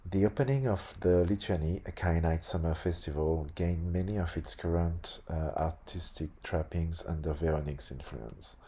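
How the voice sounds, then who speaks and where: A man with a lisp reading aloud haltingly, stumbling and correcting himself, with casual asides. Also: deep voice, warm tone, breathy edge. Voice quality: lisp on s sounds. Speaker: host reading a tabletop game sourcebook aloud.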